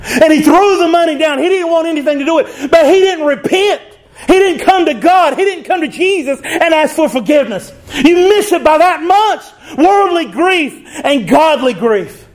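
A male preacher delivers a sermon, pleading with his listeners. His voice sits very high for a man. He slips into the voices of sinners to make his point. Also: lively intonation, normal speed.

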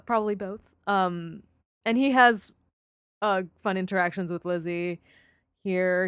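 A young woman talks through a TV plot in loose, casual chat. She slips into quick voices for the characters and laughs often, and the sound is dry and close, with no room echo. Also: medium pitch, clean tone. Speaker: podcast co-host discussing a TV series.

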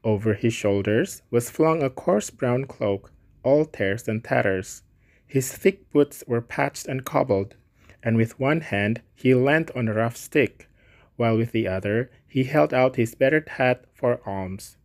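A man narrating a classic short story aloud in a measured, even reading voice. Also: medium pitch. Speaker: story reader.

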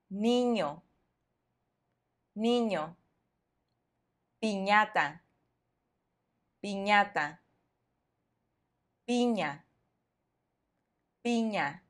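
Slow, careful Mexican woman teacher. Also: mid-range voice. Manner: carefully enunciates, repeating each word twice. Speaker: Spanish teacher. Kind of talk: podcast pronunciation lesson.

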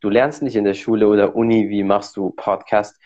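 Low-voiced podcast host on a dull recording. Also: male voice, fairly even intonation, brisk, darkish tone. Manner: agreeable, affirming. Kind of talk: casual interview talk.

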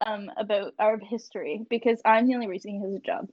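A woman's voice: mid-range voice, fairly even intonation, fast talker, no echo. A woman co-hosting a podcast in casual chat, giggly and chatty, telling stories between laughs. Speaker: podcast co-host. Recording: slightly dull dry sound.

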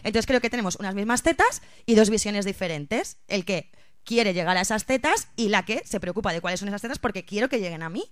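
A woman's voice: medium pitch, animated, fast, no room sound, studio quality. A woman co-hosting a casual podcast chat, thinking aloud with frequent restarts and hesitations. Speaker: podcast co-host.

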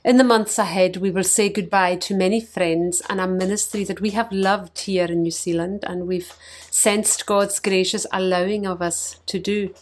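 A middle-aged woman from Scotland gives a devotional message as a mission leader. She reads in a gentle, reflective way. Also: medium pitch, steady tone, normal speed.

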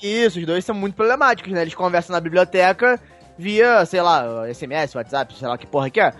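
A man's voice: high-pitched, lively intonation, a little fast, fairly bright tone, faint music behind. A man co-hosting a casual podcast chat, rambling with frequent stammered restarts. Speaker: podcast co-host.

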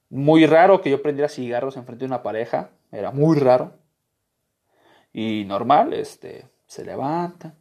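A young Mexican man tells a personal story in a loose, chatty way, peppered with slang and swearing. He slips into quoted voices to act things out. His voice sits at an ordinary middle pitch. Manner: profane, animated, acts out quotes. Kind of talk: casual storytime anecdote.

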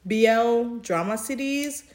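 With a slightly high voice, slow pace, and a darkish tone, a woman chats casually as a podcast co-host. Her delivery is emphatic, and she repeats phrases to stress them.

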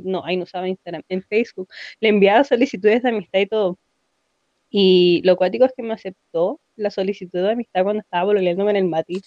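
A woman's voice: medium pitch, no room sound, highs cut off. A young woman with a Chilean accent chatting casually as a podcast co-host, telling stories animatedly and acting out her own quotes. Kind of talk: casual chat.

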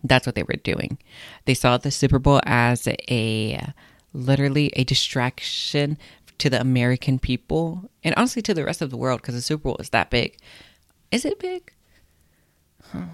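A woman's voice: very deep voice, normal speed, dry recording, clean studio sound. A young woman hosting a solo podcast, talking in a chatty, blunt way and swearing freely. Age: young adult. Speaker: podcast host. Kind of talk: casual solo podcast chat.

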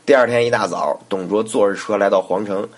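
A man's voice: on the low side, a little fast. A man, telling a historical story in a chatty, colloquial way as podcast host. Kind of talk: casual storytelling narration.

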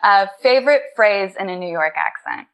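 A woman's voice: medium pitch, lively intonation, moderate pace, creaky, fairly bright tone, poor audio. A woman hosting a podcast interview, upbeat and encouraging, laughing often with her guest. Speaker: podcast host. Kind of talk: casual interview chat.

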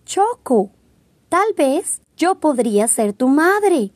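A man reading a storybook aloud, voicing a kind, motherly female bear who speaks gently. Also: extremely high pitch, big pitch swings, takes it slowly, dry recording, pitched above the performer's own voice, heavily acted. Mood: gentle. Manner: gentle, warm, playful.

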